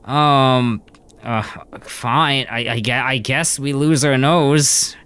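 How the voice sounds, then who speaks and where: A man's voice: mid-range voice, fairly even intonation, slow, fairly bright tone, clear, resonant tone. A man streaming a horror game, reading the dialogue aloud with frequent laughs and stammered restarts.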